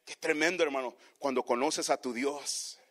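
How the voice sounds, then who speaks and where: A man preaching a sermon, addressing the congregation as brothers, swinging from quiet low asides to loud shouted climaxes. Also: normal speed.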